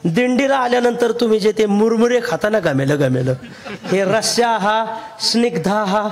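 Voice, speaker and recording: A man from Maharashtra delivers a devotional kirtan sermon in a high voice. He tells stories with humour and sing-song emphasis, often laughing as he talks. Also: moderate pace. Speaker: kirtan preacher.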